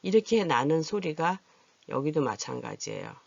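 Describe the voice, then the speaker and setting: A patient adult literacy teacher who slowly drills vowel pronunciation and repeats each word for learners to follow. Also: mid-range voice, very animated, vocal fry, dry recording, highs cut off. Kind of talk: Korean vowel lesson.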